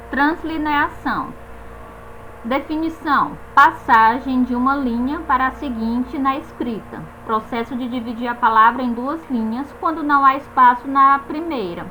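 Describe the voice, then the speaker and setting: A woman teaching a grammar lesson, saying each example word slowly and spelling out letters, often ending with a questioning tag. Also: high voice, pushed and bright, slight background noise, rough recording.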